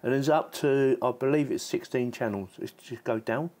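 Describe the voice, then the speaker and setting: Speaking at a normal pace in a mid-range, somewhat dark voice, a man demonstrates a product hands-on. His delivery is casual and talkative, and he tends to say things more than once.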